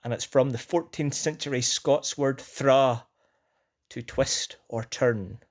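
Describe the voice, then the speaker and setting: In a steady, medium-pitched voice, a Northern Irish language teacher works through a word list from an educational script, giving definitions and examples in a measured, dictionary-like manner.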